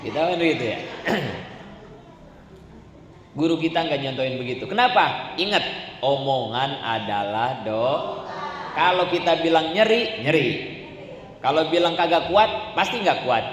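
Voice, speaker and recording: A man's voice: a little high, expressive, measured pace, long pauses. A man preaching at a religious study gathering, speaking colloquially with rhetorical questions and a constant "ya". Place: mosque or prayer hall. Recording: echoey hall, slight room noise.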